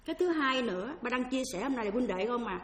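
A woman's voice: on the high side, expressive, fast, fairly bright tone. A woman with a Southern Vietnamese accent, a Buddhist nun giving a dharma talk in a chatty storytelling way, acting out what others said and slipping in English phrases. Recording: echoey hall with long reverb.

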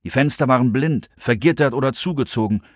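A man narrating an audiobook in expressive, scripted storytelling. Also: medium pitch, a little fast, no echo, studio quality.

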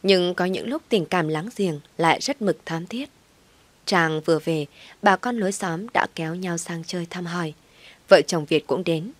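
A woman reading a scripted audio story in a steady, gentle storytelling manner. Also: lowish voice, normal speed, no room sound.

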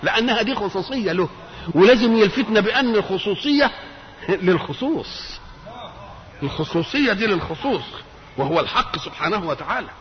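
A man's voice: high-pitched, expressive, a little fast. A man with an Egyptian accent explaining Quran verses in a religious lecture, moving between everyday Egyptian speech and classical recitation, his voice rising sharply on points of emphasis. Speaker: Quran commentator. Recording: dull lo-fi archive tape with faint hiss.

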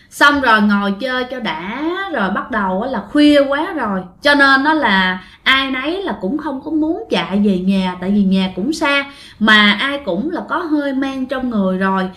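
High-voiced woman storyteller. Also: fairly bright tone, roomy sound. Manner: chatty, addresses listeners directly. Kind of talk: ghost story narration.

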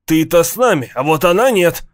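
A man voicing a rowdy, foul-mouthed teenage gang boy who shouts and jeers. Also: fairly high pitch, expressive, fairly quick, pitched above the performer's own voice, lightly acted. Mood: jeering. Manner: loud, jeering, shouting.

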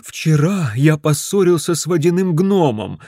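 A man's voice: fairly high pitch, animated, unhurried, mellow, no echo, clean studio sound, voice pushed up. A man doing a frantic, whining husband. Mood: desperate. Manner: desperate, pleading, whining. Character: frantic middle-aged husband, a beach stand owner.

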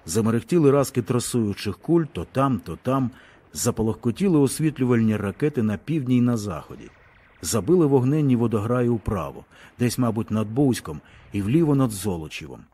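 A man reading a novel aloud as an audiobook, with expressive storytelling. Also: mid-range voice, slightly rough. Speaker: audiobook reader. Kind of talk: scripted narration of a novel.

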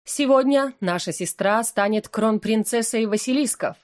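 A haughty young princess-sister who barks orders and makes grand pronouncements, as an audiobook narrator puts her on. She talks a little higher and drawn out, full of self-importance. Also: normal speed, natural voice. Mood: proud. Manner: grand and commanding. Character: proud, bossy royal older sister, a young woman. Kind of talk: audiobook character voice.

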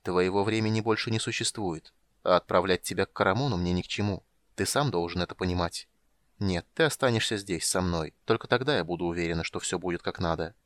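A man reading the lines of a cold, commanding female goddess in an audiobook, slow and measured. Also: low-pitched, fairly bright tone, no echo. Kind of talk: audiobook character voice.

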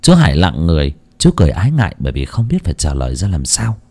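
A male storyteller narrates a ghost story with dramatic expression. His voice is very deep and dark, and his pitch moves a lot. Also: wildly swooping pitch, fast talker, breathy edge.

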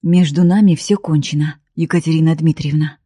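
A woman voicing a despondent young man in custody who coldly pushes away the woman he loves, speaking in a muffled, flat way. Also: deep voice, brisk, slightly rough, dry recording. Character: young male prisoner, despondent, pushing lover away. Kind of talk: audiobook dialogue reading.

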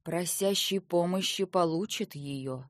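A serene old hermit sage, as a woman reader puts him on speaks slowly and solemnly, never hurried. His voice sits somewhat low and sounds dry and close. This is storybook narration. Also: dry recording, close to an everyday voice. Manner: slow, solemn, calm pronouncements.

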